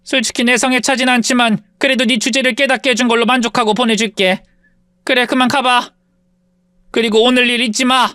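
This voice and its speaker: A woman's voice: steady tone, brisk, no room sound, studio quality, close to an everyday voice. A woman doing a sneering spiteful rich lady. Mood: smug. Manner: sneering, insulting, shrill when shouting. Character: arrogant spiteful rich woman, middle-aged, bullying. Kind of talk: audio story dialogue.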